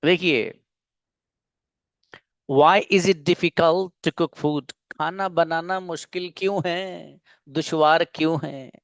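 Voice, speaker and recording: Clear-voiced male online English teacher. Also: a little high, steady tone, fairly bright tone, dry recording, muffled recording. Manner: drills sentences slowly, calls on students one by one.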